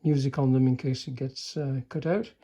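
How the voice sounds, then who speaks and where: At a moderate pace, an older man with a warm, medium-pitched voice and fairly even intonation demonstrates a restored chassis. A radio repairer, he keeps the hands-on demo casual, understated and hesitant, with remarks that trail away.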